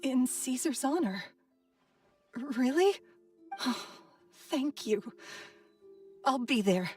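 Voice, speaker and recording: An actress playing a gentle, sorrowful woman in mourning in a fantasy video game, soft and halting. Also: sits high, expressive, recorded from a distance, faint music behind, exaggerated voice. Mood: touched.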